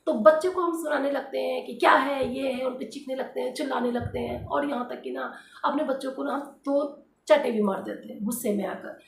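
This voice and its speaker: A woman's voice: high-pitched, fairly quick, gravelly. A woman, a housewife, gives earnest, casual advice straight to her viewers, repeating her points and leaning on small fillers. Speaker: housewife vlogger giving advice. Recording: roomy echo.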